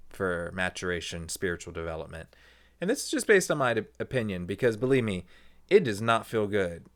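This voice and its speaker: A man hosting a personal podcast, talking candidly in a conversational monologue that jumps into high excited tones in his stories. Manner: animated, swings into high excited tones when telling anecdotes; candid, conversational, with many fillers and asides. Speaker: podcast host.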